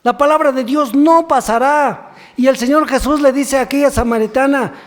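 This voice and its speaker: A man's voice: extremely high pitch, moderate pace. A man, a deacon preaching a sermon who keeps asking rhetorical questions and prompts the congregation to finish verses. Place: church sanctuary. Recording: long church reverb.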